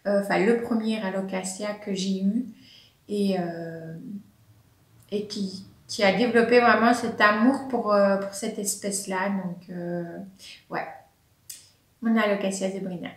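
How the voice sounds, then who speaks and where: A woman's voice: mid-range voice, fairly even intonation, unhurried. A woman chatting casually to camera at home, a plant vlogger who fills her talk with little hesitations and laughs. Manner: chatty, many fillers and laughs. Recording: echoey room.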